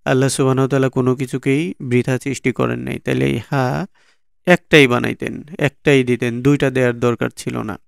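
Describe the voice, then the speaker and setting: A Bangladeshi man with a Bangladeshi Bengali accent gives a slow, slide-based lesson on pronouncing Quran letters, patiently repeating each sound many times. His mid-range voice is level, gravelly yet smooth, and a little fast. The recording is dry and studio quality.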